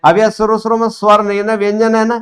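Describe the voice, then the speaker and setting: A man's voice: high voice, monotone, fast. A man teaching a class, prompting students with questions in a classroom. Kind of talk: classroom grammar lesson.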